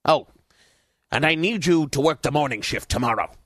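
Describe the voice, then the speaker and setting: A man playing a miserly, bullying radio station boss in an audio drama, haughty, fussy and sharp in manner. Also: fairly high pitch, animated, moderate pace, no room sound, studio quality. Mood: scornful, irritated.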